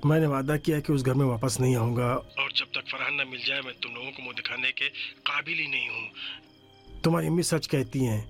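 A man's voice: mid-range voice, fairly even intonation, fairly bright tone, faint music behind, natural voice. A man playing a guilt-ridden desperate man. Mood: anguished. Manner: anguished, pleading, breaks down weeping. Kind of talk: dubbed TV drama acting.

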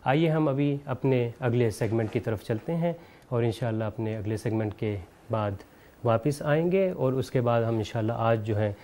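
Mellow-voiced man teaching Quran pronunciation. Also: mid-range voice. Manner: measured, explanatory, says letters out slowly to demonstrate. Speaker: Quran recitation teacher and show host. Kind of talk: televised lesson on Arabic pronunciation.

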